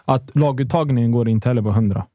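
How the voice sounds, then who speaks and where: A man's voice: mid-range voice, dark tone, dry recording, clean studio sound. A man talking football in a casual podcast chat, emphatic and rambling, often restarting his sentences. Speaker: football pundit.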